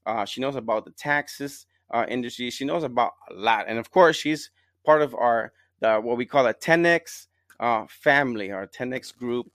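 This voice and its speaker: A man's voice: mid-range voice, normal speed, a bit bright, no echo. A middle-aged man hosting a podcast, introducing his guest in a loose, repetitive way. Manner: rambling, repeats himself. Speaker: podcast host. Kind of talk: casual interview.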